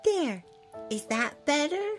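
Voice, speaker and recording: An adult voicing a kind, gentle little girl who talks softly. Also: high voice, sing-song, slow pace, soft background music, full character voice. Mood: caring. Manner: soft, caring.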